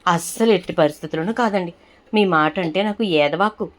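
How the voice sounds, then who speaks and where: A woman's voice: on the low side, quick pace, lightly acted. A woman voicing a scheming young daughter-in-law who pleads and protests her innocence in a retold serial. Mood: pleading.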